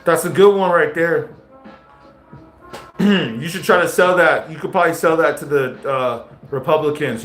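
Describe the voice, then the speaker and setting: A man's voice: fairly high pitch, a bit bright. A man live-streaming casual commentary, talking in slang straight to his viewers. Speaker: livestreamer. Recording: roomy echo with faint music.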